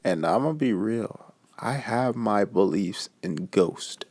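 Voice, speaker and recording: A man's voice: on the low side, expressive, takes it slowly, darkish tone, a little hiss or hum. A man with a groggy morning voice, hosting a casual, slangy reaction commentary on videos. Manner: laid-back slangy chat.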